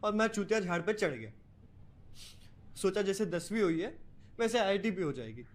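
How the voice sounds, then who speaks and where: A young male student tearful and despairing about his studies. His voice sits fairly high. It is a scripted drama scene. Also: expressive, normal speed. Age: young adult. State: crying. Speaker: student preparing for entrance exams. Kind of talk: scripted series acting.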